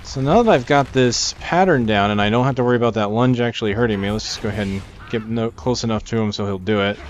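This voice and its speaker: Talking fast in a fairly low voice, this gameplay host narrates his thoughts casually while playing. There's slight background noise, along with game music behind his voice.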